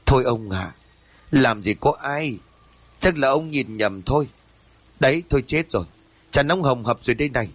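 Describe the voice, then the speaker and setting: A man voicing a village chief's middle-aged wife who scolds and nags her husband briskly, in a storybook reading. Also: mid-range voice, lively intonation, no echo, natural voice. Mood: fretful.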